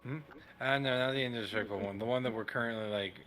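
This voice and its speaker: A man's voice: medium pitch, fairly even intonation, fast, fairly bright tone, rough recording. A man casually chatting and swearing while streaming a game with a friend, with faint game music behind him. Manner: laid-back, swears casually. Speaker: gaming streamer. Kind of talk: casual gameplay chat.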